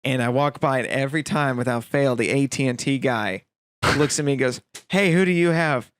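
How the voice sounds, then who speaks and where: A man's voice: medium pitch, steady tone, a little fast, dry recording. A man co-hosting a podcast, chatting casually and telling stories with acted-out quotes and lots of fillers. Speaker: podcast co-host. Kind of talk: casual chat.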